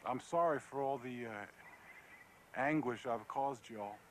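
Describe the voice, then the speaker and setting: An actor playing a remorseful, withdrawn man, halting and reticent, in a film drama. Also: medium pitch, a little hiss or hum, natural voice. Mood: remorseful, resigned. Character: remorseful, withdrawn man leaving home after a trial. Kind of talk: naturalistic film drama acting.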